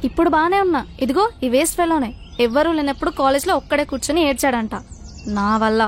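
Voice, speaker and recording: A young woman playing a friend in a scripted comedy sketch, who talks in a soft, earnest, emotional way. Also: high voice, quick pace, a little hiss or hum.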